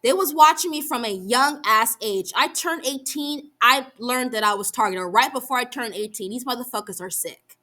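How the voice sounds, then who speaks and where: A young woman with a slightly high, sharply bright voice vents to the camera. Her talk is heated and full of profanity. Sentences run on and restart as her thoughts race ahead of her words. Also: normal speed, few pauses. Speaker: vlogger. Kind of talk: angry venting monologue.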